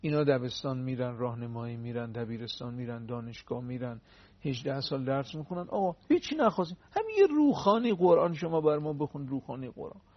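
A man explaining the pronunciation of Quran recitation on a TV talk show, earnest, with slow recited examples. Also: mid-range voice, very animated, highs cut off. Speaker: religious guest teaching Quran recitation.

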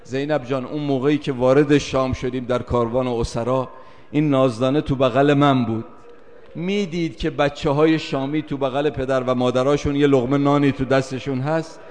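A man's voice: mid-range voice, steady tone, darkish tone, natural voice. A male preacher voicing a grieving noblewoman lamenting her dead niece, with long hall reverb. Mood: anguished.

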